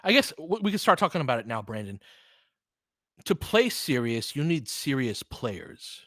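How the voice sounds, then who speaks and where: Very animated at normal speed, a middle-aged man with a mid-range, fairly bright voice chats with listeners while calling a basketball game live online. His casual play-by-play is conversational and opinionated, full of spoken reactions to the action. The audio is studio quality and echo-free.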